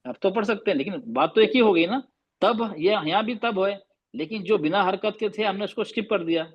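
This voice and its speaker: A man with a high voice teaches a class. He is patient, asks questions and goes over each point again, with English terms mixed in. The recording sounds a little dull. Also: brisk, slightly rough. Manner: mixes Hindi with English terms. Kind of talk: classroom lesson.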